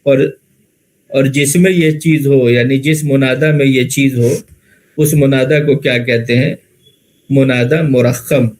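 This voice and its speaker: A man with an Indian Urdu accent gives a grammar lecture, calm and methodical. He rephrases each term several times and poses questions he then answers himself. His voice sits at an ordinary middle pitch for a man. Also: rough recording. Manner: patient, repeats and rephrases terms, asks and answers own questions. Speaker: Arabic grammar teacher.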